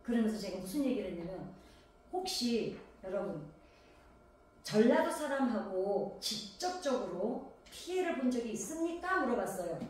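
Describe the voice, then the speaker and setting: A woman's voice: fairly high pitch, sing-song, normal speed, a little mellow. A woman from Gangwon Province, South Korea, preaching a sermon in a conversational way, firing rhetorical questions at the congregation. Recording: very echoey hall, voice from a distance.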